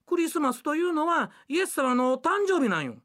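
A bossy, devout housewife, as a woman telling rakugo puts her on, nagging in quick Kansai dialect. Her voice sits fairly high and lively. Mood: scolding. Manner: scolding, nagging. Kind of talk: rakugo storytelling.

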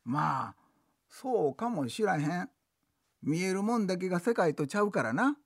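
A man's voice: high-pitched, very animated, moderate pace. A man with a Kansai accent telling a comic story rakugo-style, switching between two chatting servants.

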